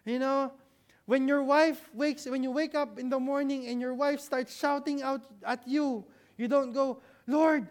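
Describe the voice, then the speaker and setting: A preacher giving a conversational sermon in a church hall, posing questions and answering them, checking in with the congregation and adding humorous asides. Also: sits high. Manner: rhetorical, asks and answers own questions with frequent "right?".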